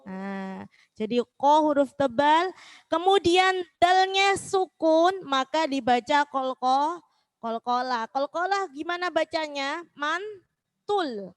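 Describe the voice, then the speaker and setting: A woman with a Javanese accent leads a Quran recitation lesson, chanting each syllable slowly in a high voice. Between verses she explains pronunciation and invites listeners to recite with her. The recording is dry and close. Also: lively intonation, dry recording. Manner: slow, drawn-out chanting of verses, with quicker spoken explanations in between; asks listeners to repeat together.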